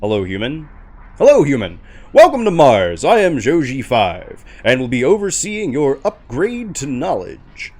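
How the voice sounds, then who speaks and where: A man's voice: medium pitch, wildly swooping pitch, a little slow, a little mellow. A man voicing a chirpy, cheerful male robot that guides a newcomer through a game tutorial in an upbeat, sing-song way. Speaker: gamer reading a tutorial aloud.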